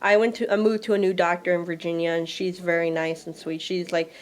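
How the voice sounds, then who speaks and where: A woman's voice: lowish voice, little pitch movement, brisk. A woman in her twenties, from Russia, telling her own life story candidly in a chatty way, with many "like" fillers. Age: 20s. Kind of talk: personal spoken storytelling.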